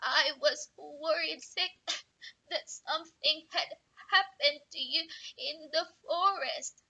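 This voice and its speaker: A woman doing a slow, fussing old granny. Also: high-pitched, sharp tone, pitched above the performer's own voice, exaggerated voice, rough recording. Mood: relieved. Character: frail, worried old grandmother.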